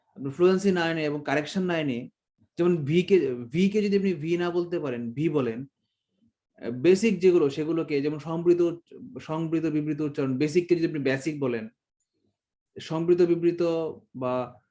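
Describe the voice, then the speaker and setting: A man's voice: fairly high pitch, moderate pace, pauses often, mellow. Joking Bangladeshi man teaching a class. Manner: chatty, joking, demonstrates pronunciations. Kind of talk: online exam-prep class. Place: online class call.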